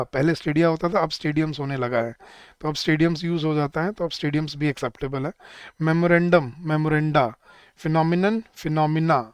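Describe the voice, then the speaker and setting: A man's voice: fairly high pitch, clear, resonant tone, no room sound. A man teaching an exam-prep grammar lesson, listing word pairs and quizzing his students. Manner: lists word pairs, quizzes students, calls them guys. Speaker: English teacher.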